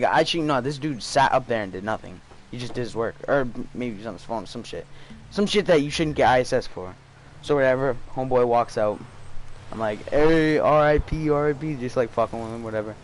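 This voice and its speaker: A young man telling a school story in a loose, rambling way, heavy on slang, swearing and fillers. His voice sits at an ordinary middle pitch, with a faint hiss of noise behind it. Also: fairly quick. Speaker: student storyteller. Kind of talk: casual storytime vlog.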